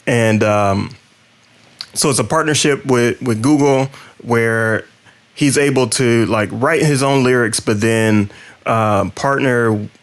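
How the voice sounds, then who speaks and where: A man's voice: medium pitch, takes it slowly, clean tone. A man co-hosting a podcast, introducing the episode in loose, rambling explanations. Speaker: podcast co-host. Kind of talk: casual podcast chat.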